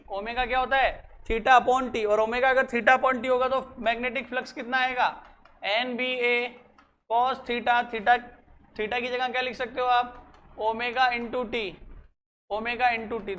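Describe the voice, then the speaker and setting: Physics teacher dictating slowly. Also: mid-range voice, fairly bright tone. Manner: dictates slowly, repeats phrases, quizzes students. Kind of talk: classroom lecture mixing Hindi and English.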